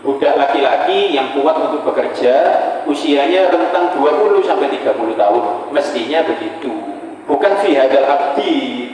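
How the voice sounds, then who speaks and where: A man's voice: mid-range voice, expressive, normal speed, darkish tone. A man teaching Islamic jurisprudence to a class, glossing Arabic phrases in Indonesian and often asking whether the students follow. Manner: explains Arabic text in Indonesian, checks understanding often. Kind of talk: classroom lecture. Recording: echoey hall, distant mic, faint noise.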